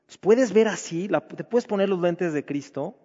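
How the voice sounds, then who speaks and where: A man's voice: high-pitched, expressive, moderate pace, dark tone. A man preaching a sermon to married men, asking rhetorical questions in a conversational way. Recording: dull reverberant hall recording.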